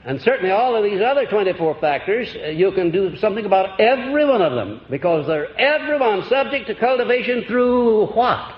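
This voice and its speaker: Brisk and barely pausing, a high-pitched man with lively intonation chuckles and quizzes a live lecture-hall audience during a folksy motivational seminar. The old archival lecture-hall tape sounds echoey and dull, carrying a faint hiss.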